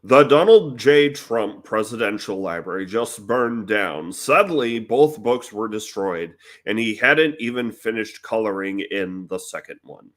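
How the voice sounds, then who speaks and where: A man voicing a solemn, formal male TV newsreader in a mock-serious deadpan. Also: on the low side, unhurried, few pauses.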